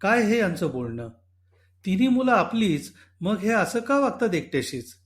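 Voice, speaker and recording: A man reading a short story aloud as audiobook narration, calm and measured. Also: sits high. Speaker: story reader.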